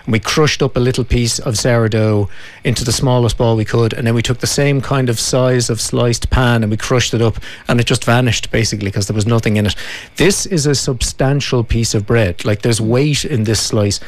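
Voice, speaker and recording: A man's voice: mid-range voice, steady tone, moderate pace, few pauses. Male radio host, chatty and enthusiastic, easygoing studio chat. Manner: chatty, enthusiastic, tasting food on air.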